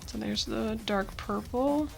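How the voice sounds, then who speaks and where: Fairly high, slow and gravelly, this young woman's voice sounds tired and worn from a cold as she narrates a casual drawing tutorial at her desk indoors. She's relaxed and talkative, with lots of ums and uhs, and music plays behind her.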